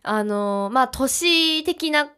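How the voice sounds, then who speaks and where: A woman's voice: sits high, animated, very slow, sharp tone. A woman from Hokkaido co-hosting a casual podcast chat, telling stories with playful sound effects and frequent laughter. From Hokkaido, Japan. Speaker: podcast co-host.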